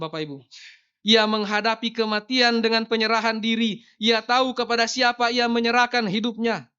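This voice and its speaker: A man's voice: very high voice, sharp tone, clean tone, dull audio. A man preaching a sermon in church, telling a story about his young child and often addressing the congregation directly. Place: church sanctuary.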